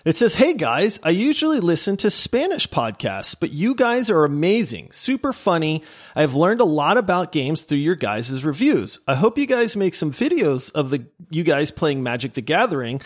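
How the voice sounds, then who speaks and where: Lively excitable male podcast host. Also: fairly high pitch, moderate pace. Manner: enthusiastic, trips over names, restarts often. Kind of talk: casual podcast chat.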